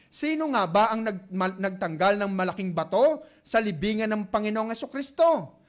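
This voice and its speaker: A man preaching a sermon, reading scripture aloud and putting questions to his listeners. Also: high voice. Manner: asks listeners rhetorical questions.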